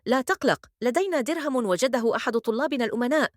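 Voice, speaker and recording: A woman voicing a kind, gentle female schoolteacher in a children's story, speaking in an encouraging, praising tone. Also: fairly high pitch, lively intonation, quick pace, dry recording, clean studio sound, voice pushed up, lightly acted. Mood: gently encouraging. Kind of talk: storybook character voice.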